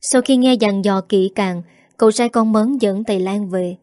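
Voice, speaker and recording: A woman reading a story as a storyteller, in scripted narration with a steady, emotive delivery. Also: mid-range voice, moderate pace, dry recording, clean studio sound.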